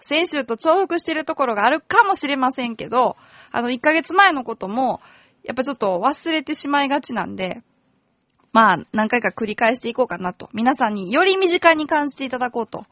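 Lady lawyer doing a radio bit, high voice, dry close sound, explains things slow and patient. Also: animated, fairly bright tone, no room sound. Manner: patient, explains terms step by step; corrects herself mid-sentence. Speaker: lawyer hosting a community radio show. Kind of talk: casual explanatory radio talk.

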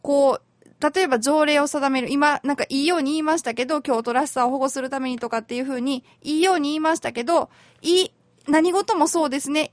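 Legal matters get a chatty, easy-to-follow treatment from this woman hosting community radio; her voice is high, her manner courteous and warm, with gentle filler words throughout. No echo is audible, as the sound is tight and dry.

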